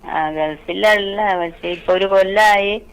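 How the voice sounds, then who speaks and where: A middle-aged woman, heard as a radio show caller through a faint, distant phone line. She speaks slowly, with a gravelly, creaky edge, and keeps her answers short. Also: medium pitch. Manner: slow, terse replies. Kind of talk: phone-in question to an astrologer.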